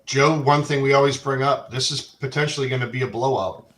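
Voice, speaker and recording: A man with a Boston accent co-hosting a fantasy football show. His voice is bright and forward, and he chats casually, jumping in with quick tips and agreement. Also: mid-range voice, steady tone. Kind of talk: casual sports chat.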